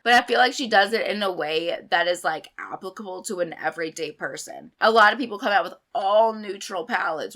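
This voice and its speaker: A young woman reviewing a beauty box in a chatty, emphatic way, hoarse and sick with a sore throat. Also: mid-range voice, pushed and bright. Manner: chatty, emphatic, rambling asides. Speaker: beauty vlogger. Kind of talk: casual unboxing review.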